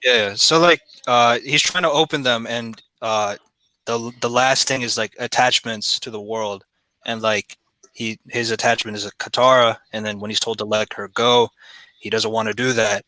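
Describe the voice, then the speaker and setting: Bright-voiced man with an Indian accent. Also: medium pitch, steady tone, normal speed, no echo, low-quality recording. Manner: rambling, many fillers and restarts. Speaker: reviewer. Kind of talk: casual chat.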